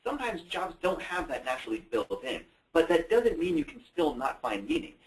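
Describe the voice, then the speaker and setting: A man's voice: fairly high pitch, very animated, a little fast. A man co-presenting at a conference, telling stories in a conversational way. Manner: storytelling, conversational. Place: presentation hall. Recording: roomy hall sound.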